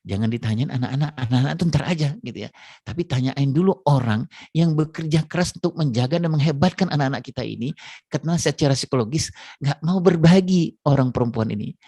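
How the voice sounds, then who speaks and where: A man's voice: mid-range voice, quick pace, dark tone, no room sound. A man giving a casual religious parenting talk, chatty and direct with his audience, with many fillers and repeated tag phrases. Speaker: parenting speaker.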